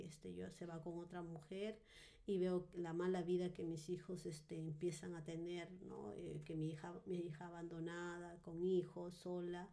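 A woman's voice: fairly low pitch, creaky, warm tone. A woman giving a personal testimony in conversation, hesitant and full of fillers and tag questions.

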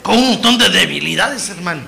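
Un hombre que predica un sermón con mucha energía y representa diálogos con voces distintas. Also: male voice, high voice, fairly quick, vocal fry, crowd noise, noisy background. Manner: lively, animated preaching that acts out dialogues. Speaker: preacher. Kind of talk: sermon.

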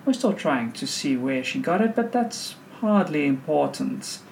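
A game master voices a suave thieves' boss in a tabletop game, sly and courteous, with measured, teasing orders. There is faint noise behind the voice. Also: mid-range voice, animated, vocal fry, darkish tone, rough recording. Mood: smooth, instructing. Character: suave, amused male underworld boss giving orders.

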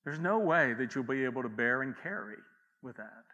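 Bright-voiced man preaching in a reverberant hall. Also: mid-range voice, expressive, moderate pace, highs cut off. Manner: conversational preaching with asides and acted quotes. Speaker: pastor. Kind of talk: sermon.

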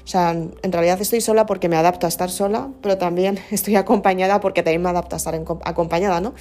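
A woman's voice: on the low side, steady tone, quick pace, warm tone. Earnest Spanish woman musing aloud. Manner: earnest, questioning, restarts words. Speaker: speaker giving personal reflections. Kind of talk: reflective casual monologue.

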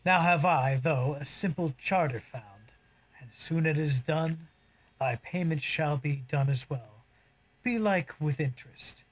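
An actor playing a cocky, roguish young smuggler captain, delivering boastful Shakespearean verse. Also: male voice, a little high, unhurried, poor audio. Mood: persuasive. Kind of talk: audio drama acting in verse.

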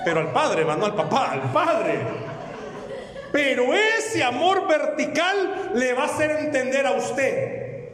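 A man preaching a sermon as pastor, animated and joking with the congregation. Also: on the high side. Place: church hall. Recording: echoey hall, long reverb.

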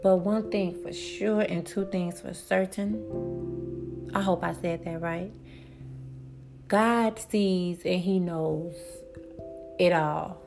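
A woman hosting a spiritual encouragement talk, speaking slowly and earnestly and repeating affirmations with growing emphasis. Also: fairly low pitch, creaky. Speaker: podcast host. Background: background instrumental music.

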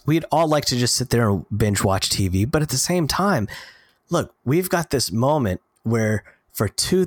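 A man's voice: medium pitch, no echo, studio quality. A man co-hosting a podcast, talking earnestly in casual chat and acting out little bits of dialogue as he tells stories. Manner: earnest, animated storytelling with quoted dialogue. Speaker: podcast co-host.

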